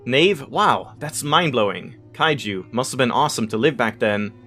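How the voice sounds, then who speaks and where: Animated and forceful, this man's bright, medium-pitched voice moves at a moderate pace. He hosts a let's play, reading the in-game text aloud with casual remarks and tripping over the odd unfamiliar word before correcting himself, all over game music.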